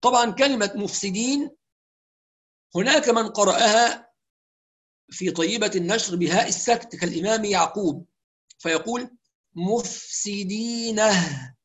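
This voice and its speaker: A man with an Egyptian accent teaching Quran recitation rules, explaining in colloquial speech and reciting examples slowly and carefully. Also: sits high, a bit bright. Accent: Egyptian Arabic. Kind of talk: tajweed lesson with recited examples.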